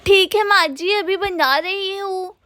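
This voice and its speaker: A woman voicing a busy, put-upon young village daughter-in-law in a doll cartoon, hurried and complaining. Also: very high-pitched, bright, forceful tone, dry recording, heavily acted.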